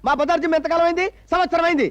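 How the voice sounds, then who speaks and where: An actor playing a bossy official who shouts orders at workers in a film. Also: male voice, very high voice, steady tone, racing. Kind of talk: dramatic film acting. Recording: dull lo-fi audio with faint crowd.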